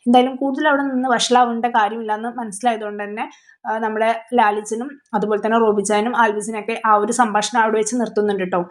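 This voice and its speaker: A woman casually retelling a TV serial episode, chatty and quick to quote the characters' lines. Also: a little high, steady tone. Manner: chatty, retells dialogue, frequent tag particles. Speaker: serial recap host.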